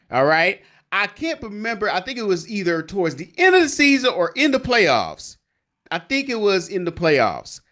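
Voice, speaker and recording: A man co-hosting a sports talk show, telling stories in a laughing, animated way. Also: sits high. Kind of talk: casual sports chat.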